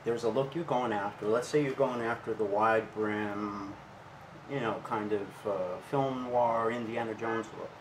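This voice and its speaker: A man's voice: fairly low pitch, unhurried, echoey room, noisy background. A man who owns a hat shop, talking casually and explaining hats while he demonstrates them in his shop. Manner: relaxed, chatty, demonstrates hats as he talks.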